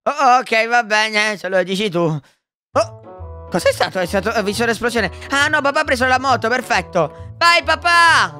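A man voicing an excitable little boy who thinks he is Mario, shouting and apologizing by turns in a Minecraft roleplay. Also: extremely high pitch, normal speed. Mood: eager. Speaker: roleplay video maker. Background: background music.

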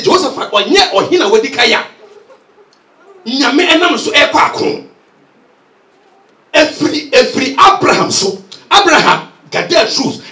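A middle-aged man preaches on a handheld mic, his voice pitched very high and swinging widely. He often breaks into shouts. The echoey church hall is recorded from across the room. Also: far from the mic. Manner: energetic preaching, pacing and gesturing, often shouting. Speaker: head pastor. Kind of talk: sermon, mixing Twi and English. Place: church hall with carpeted floor.

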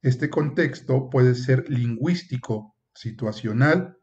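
A male professor lecturing in an even, mid-pitched voice, explaining point by point and filling pauses with hesitant fillers. He now and then slips into short acted exchanges to make a point. The recording sounds muffled and lo-fi. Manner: explanatory, with frequent "eh" and "este" fillers; acts out short example dialogues. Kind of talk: university lecture.

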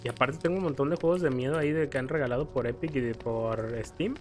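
This young gameplay commentator, who has a Mexican accent, talks at a quick pace in a mid-range voice over game music. His stories are casual, rambling and stammering, with scared quotes acted out.

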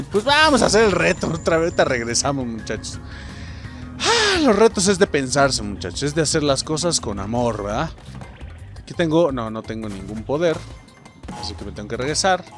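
A young man with a Mexican accent giving casual let's-play commentary, swearing and yelping at his mistakes and talking straight to his viewers. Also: medium pitch. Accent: Mexican Spanish. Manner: excitable, swears and yelps at mistakes, talks to viewers. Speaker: gameplay streamer.

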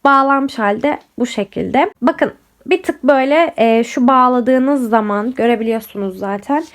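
A woman's voice: on the high side, unhurried. A young woman chatting casually to camera about clothes she bought, talking straight to her viewers, her voice a little off from being sick. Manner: chatty, addresses viewers directly, frequent fillers. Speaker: lifestyle vlogger. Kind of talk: casual haul and review chat to camera.

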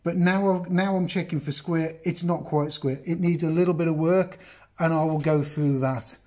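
A man's voice: a little high, fairly even intonation, moderate pace, dark tone. A middle-aged English man with a chatty, rambling manner, talking the viewer through woodworking in his workshop and filming on a phone. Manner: chatty, rambling, self-interrupting, talks to the viewer. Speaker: woodworking video host. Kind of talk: casual workshop demonstration. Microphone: phone camera on the bench, moved around.

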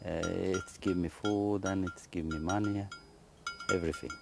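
An older man, a reindeer herder, speaking outdoors in the snow in halting, plain words. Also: low-pitched, fairly even intonation, gravelly, music in the background.

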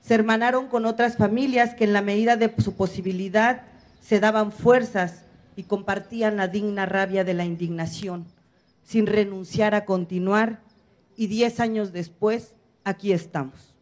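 At a public apology event in a large, bright hall, a middle-aged activist from Mexico reads a solemn speech from her notes. Her mid-range voice is a little mellow, moving at normal speed with fairly even intonation as she strings her points into rhythmic lists of short phrases. She is recorded through a stand-mounted podium microphone and filmed from a distance.

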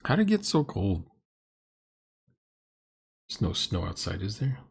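Taking his time, a middle-aged man hosts a reaction to a recorded roleplaying game, firing off blunt, sarcastic jabs. His lowish voice is creaky with a breathy edge and swings widely in pitch.

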